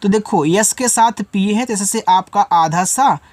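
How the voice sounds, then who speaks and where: Patient teacher slowly spelling out words. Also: medium pitch, no room sound. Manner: spells letters slowly, then explains and quizzes students. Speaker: English teacher. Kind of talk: spelling lesson, sounding out English words.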